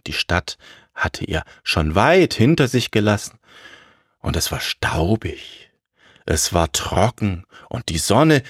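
A man telling a fairy tale aloud in a lively, playful storytelling way. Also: lowish voice, slightly rough, no room sound, clean studio sound.

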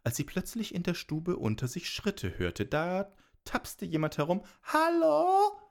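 A man telling a fairy tale in a lively, expressive storytelling manner. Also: fairly high pitch, unhurried.

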